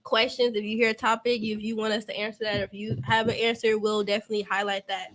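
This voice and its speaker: A woman's voice: mid-range voice, level tone, quick pace, fairly bright tone. A woman of twenty-one with speech, hosting casually and speaking directly to the audience. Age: 20s. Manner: upbeat, addresses the audience directly. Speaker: podcast co-host.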